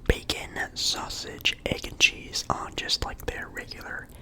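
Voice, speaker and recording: A man's voice: unhurried, bright, forceful tone. A young man whispering casually as an ASMR creator, chatting about food between bites.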